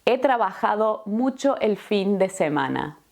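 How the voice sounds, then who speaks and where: Female teacher, slow, deliberate lesson delivery, patient tone. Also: medium pitch, sing-song, creaky, darkish tone. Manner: patient, adds checking tags like "¿sí?" and "¿no?". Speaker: Spanish teacher. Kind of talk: slow, clear explanatory lesson.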